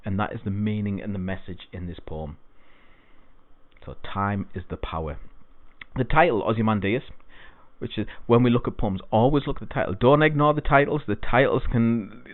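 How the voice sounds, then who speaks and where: Male tutor, patient and repetitive exam-prep explainer; lowish voice, lo-fi phone-line sound. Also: moderate pace, dry recording. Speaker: English tutor. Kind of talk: exam-prep poetry lesson.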